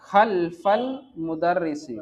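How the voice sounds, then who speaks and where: Slightly high-voiced man teaching grammar. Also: fairly bright tone. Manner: asks the class questions, repeats "ठीक है". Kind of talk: explaining grammar in class. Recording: dull lo-fi sound, faint noise.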